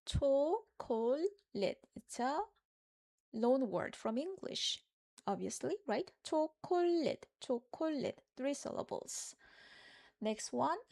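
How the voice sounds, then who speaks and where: Native Korean woman, lesson host; bright, lively pitch, Korean accent, patient drill repetition. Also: vocal fry. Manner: switches between English and Korean, repeats words slowly for learners. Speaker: Korean language teacher. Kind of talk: live-streamed language lesson.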